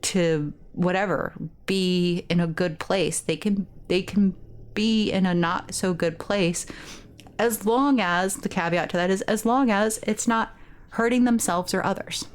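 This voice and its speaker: A woman with a mid-range voice hosts a video game let's play at a measured pace, chatting in a candid, slangy, informal way. Her casual commentary includes reading game dialogue aloud, and there's noticeable background noise in the recording.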